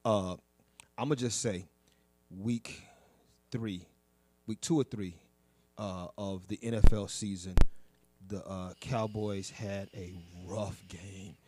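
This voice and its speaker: A man's voice: on the low side, steady tone, slow pace, pauses often, a little mellow, a little hiss or hum. A man co-hosting a podcast, talking sports and ribbing his friends in loose, joking banter. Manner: joking, teasing trash talk. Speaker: podcast co-host. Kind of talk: casual banter.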